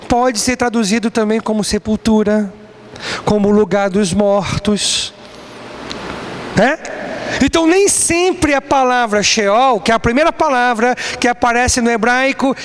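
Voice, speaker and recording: A man teaching a Bible class as a lecture, who asks his students questions and answers them himself. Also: extremely high pitch. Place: church classroom. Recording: long reverb, faint background noise.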